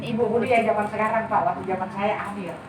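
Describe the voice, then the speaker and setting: Expressive middle-aged woman telling stories in an echoey room. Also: medium pitch, fast talker, far from the mic, crowd noise. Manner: lively, expressive, addresses the listener as "Pak". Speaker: author and speaker. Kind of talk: personal storytelling.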